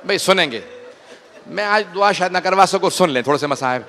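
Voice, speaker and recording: ایک خطیب مرد محرم کی مجلس میں پرجوش انداز میں بیان کرتا ہے۔ اس کی آواز تیز اور کھنکتی ہوئی ہے، اور پیچھے ہلکا سا شور ہے۔. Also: male voice, high voice, expressive, bright, forceful tone, slight background noise. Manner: emotional, declamatory storytelling. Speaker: religious scholar preacher. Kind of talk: Muharram majlis sermon.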